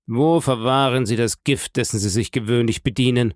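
A man's voice: mid-range voice, steady tone, moderate pace, no room sound, studio quality, natural voice. A man voicing a cold, stern male prosecutor who speaks sharply and in commands.

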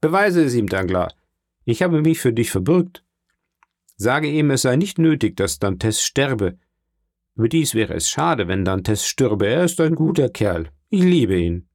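A man's voice: medium pitch, very animated, darkish tone, dry recording, studio quality. A man doing a slurring merry drunk. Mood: rambling. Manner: slow, heavy-tongued speech.

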